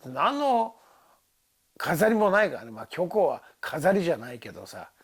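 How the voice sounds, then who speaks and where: Husky older man telling a rambling story. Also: on the high side, big pitch swings, moderate pace. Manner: rambling storytelling with laughs and quoted voices. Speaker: actor recalling a film shoot. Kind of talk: casual tipsy monologue.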